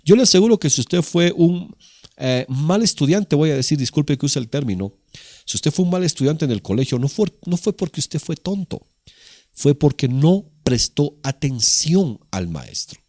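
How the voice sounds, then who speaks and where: A man's voice: a little high, very animated, normal speed, dark tone, no room sound, clean studio sound. A male pastor preaching a sermon, asking rhetorical questions and acting out little quoted scenes.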